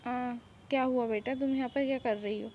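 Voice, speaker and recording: A woman voicing a kindly middle-aged aunt who asks gentle questions in a fan audio drama. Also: fairly high pitch, fairly even intonation, fairly quick, close to an everyday voice. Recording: tinny phone-like recording, faint hiss.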